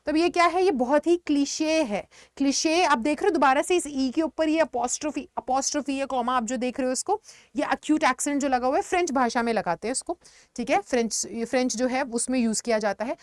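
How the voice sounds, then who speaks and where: A woman teacher explaining vocabulary in an online lesson, mixing Hindi with words and giving lively examples. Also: sits high, fairly quick, no room sound, clean studio sound. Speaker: English teacher.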